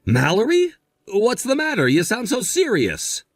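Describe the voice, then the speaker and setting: A betrayed husband who stays firm and unyielding, his voice swinging widely in pitch as he confronts his wife, as a man acts him out. The recording is dry and close, with no room sound. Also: expressive, measured pace, dry recording, lightly acted. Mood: concerned.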